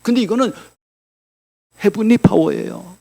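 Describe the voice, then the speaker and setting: A male pastor preaching a sermon in a church, asking the congregation rhetorical questions and swinging between loud declarations and quiet asides. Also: high voice, huge pitch swings, unhurried, gravelly.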